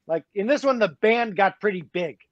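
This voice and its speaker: A man's voice: sits high, animated, moderate pace, no room sound, dull audio. A man, a graphic novel author, chatting casually with many restarts and laughs. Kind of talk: casual conversation.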